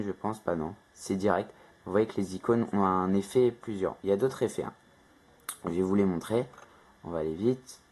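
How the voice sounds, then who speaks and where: This tech tutorial host has a low, darkish voice. He runs a casual, screen-recorded phone tutorial, rambling, correcting himself often, and using lots of fillers.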